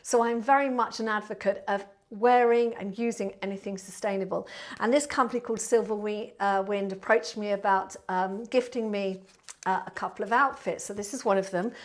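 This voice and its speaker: A woman with a southern English accent chatting casually to viewers as a Pilates instructor, in a warm, friendly, chatty manner. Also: mid-range voice, fairly even intonation, a little fast. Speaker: Pilates instructor and online class host. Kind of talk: casual livestream chat to viewers. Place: indoor studio.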